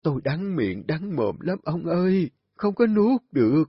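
A man's voice: a little high, very animated, measured pace, breathy edge, no echo, pitched above the performer's own voice, full character voice. A man voicing a frail, bedridden old grandmother, pleading with a voice that breaks with sobs. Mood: bitter complaint. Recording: dull lo-fi recording.

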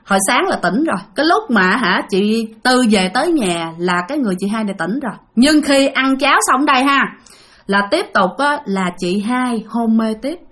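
A woman's voice: on the high side, lively intonation, moderate pace, a bit bright. A woman with a Southern Vietnamese accent telling a ghost story to her listeners in a rambling, casual way, full of fillers and self-corrections.

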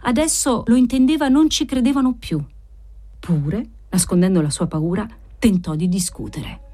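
A woman reading a novel aloud as an audiobook narrator, with an expressive delivery. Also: medium pitch, normal speed.

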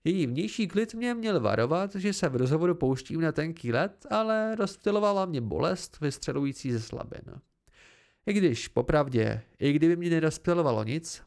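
A man's voice: on the high side, gravelly, a little mellow. A man reading an amateur audiobook, telling the story expressively in the first person. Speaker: audiobook narrator.

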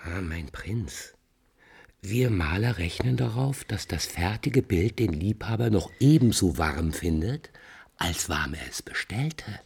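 An actor playing a deferential, earnest court painter in classical German stage drama, measured and courtly in his delivery. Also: sits low, lively intonation, vocal fry, a little mellow, husky, exaggerated voice. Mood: hurt.

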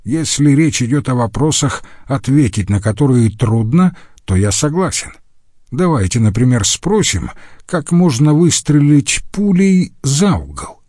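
A man voicing a mocking, sharp-tongued male medieval scholar who sneers at his colleagues. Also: mid-range voice, sing-song, measured pace, no room sound, studio quality, pitched above the performer's own voice. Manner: sneering, scornful.

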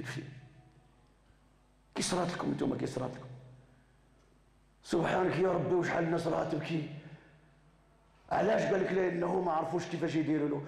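Fervent Moroccan preacher in an echoey hall. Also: male voice, a little high, vocal fry. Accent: Moroccan Arabic. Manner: fervent, rhetorical questions, swings from hushed to shouting. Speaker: preacher giving a lesson. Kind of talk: impassioned sermon. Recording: echoey hall with long reverb.

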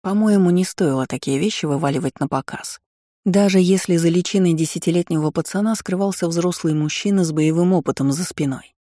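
A narrator reading a dark fantasy audiobook in steady, dramatic storytelling. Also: medium pitch, fairly quick, no room sound, studio quality.

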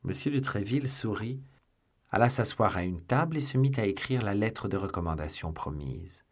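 A man reading a classic novel aloud as an audiobook narrator, in measured, expressive narration. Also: on the low side. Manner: measured and expressive, voicing the characters. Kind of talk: scripted literary narration.

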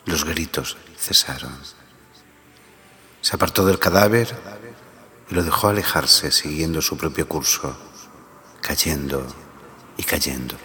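A man narrating a story in a grave, hushed way, at times dropping to a whisper. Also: rumbling low, slow, pauses often. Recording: reverb-heavy with background music.

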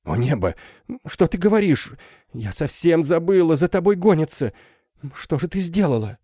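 A man's voice: on the high side, lively intonation, unhurried, warm tone, dry recording, studio quality, pitched above the performer's own voice. A man voicing a half-mad older woman, a recluse mother, who talks wildly and tearfully in an audiobook. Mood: alarmed. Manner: wild, tearful, swinging between joy and terror. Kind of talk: audiobook character voice.

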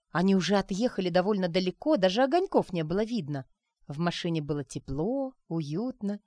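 A woman narrating an audiobook in an even storytelling manner. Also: mid-range voice, no room sound, studio quality.

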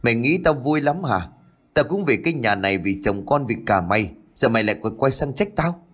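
A man voicing a bitter older woman in a ghost story, talking in rapid, shouted outbursts. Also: medium pitch, lively intonation. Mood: defiant.

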